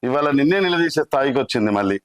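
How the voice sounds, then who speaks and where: A man's voice: medium pitch, animated, very fast, smooth, no echo, close to an everyday voice. A man playing a stern middle-aged uncle scolding his niece. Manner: stern, scolding, rhetorical questions. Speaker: maternal uncle.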